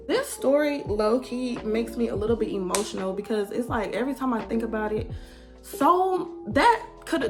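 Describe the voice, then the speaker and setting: A young woman vlogger telling a personal story in a casual, animated way, often calling out to her viewers. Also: fairly high pitch, creaky. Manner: animated, addresses viewers as y'all.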